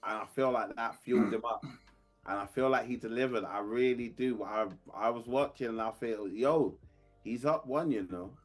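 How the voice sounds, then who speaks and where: A man's voice: medium pitch, normal speed, soft background music. A man in a casual chat, laid-back and slangy, often repeating his points.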